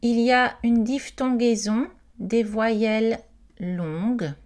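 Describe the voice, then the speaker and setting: A woman's voice: a little high, slow pace, a little mellow. A woman reading an informational presentation aloud, carefully and with the odd hesitant aside. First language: not Quebec French.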